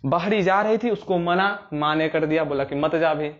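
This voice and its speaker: The audio is dull, and the young man speaking sits on the high side at a moderate pace. He teaches exam memory tricks through playful stories, acting out scenes in a rustic dialect.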